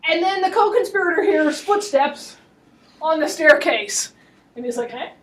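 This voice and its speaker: Lively woman lecturing from a distance. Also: very high voice, moderate pace. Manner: lively, wry, laughing asides. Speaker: history lecturer. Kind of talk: animated storytelling lecture. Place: classroom.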